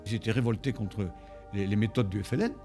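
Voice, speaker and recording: A man's voice: lowish voice, quick pace, dark tone. An older man, an army veteran, talking informally in an interview. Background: faint music.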